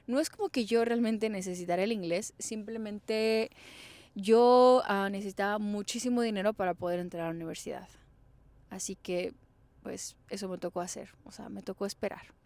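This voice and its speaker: Young Mexican woman vlogger, chatty and explanatory, mid-pitched voice, dry close sound. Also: fairly even intonation, moderate pace, a little mellow, no room sound. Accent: Mexican Spanish. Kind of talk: casual personal vlog.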